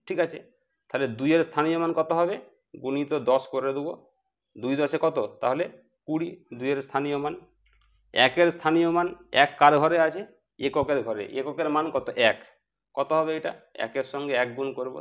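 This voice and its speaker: Male math tutor, slightly high voice, question-and-answer delivery, muffled lo-fi sound. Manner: asks the class questions then answers them himself. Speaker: math teacher. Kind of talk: explaining math to students.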